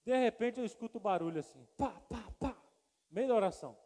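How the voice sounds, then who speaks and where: A male pastor with a very high voice tells a funny story in his sermon. He acts out each line of dialogue with lively energy. His voice rings out with a long reverb through a large church hall. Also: fairly quick. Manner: animated storyteller acting out dialogue.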